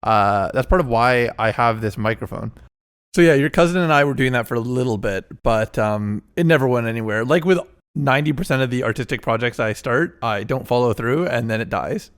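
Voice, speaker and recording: A man's voice: mid-range voice, expressive, a little fast, smooth. A man in his twenties co-hosting a podcast, rambling casually and poking fun at himself. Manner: rambling, self-deprecating, restarts often. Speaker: podcast co-host. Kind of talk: casual chat.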